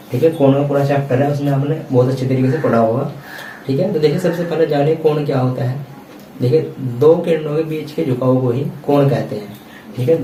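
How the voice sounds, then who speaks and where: A man's voice: medium pitch, mellow, a little hiss or hum. A male maths teacher giving a blackboard lesson, patiently explaining to students and often checking in with a filler word. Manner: repeats "theek hai" as a check-in filler. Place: classroom at a blackboard. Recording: echoey room, voice from a distance, faint ambience.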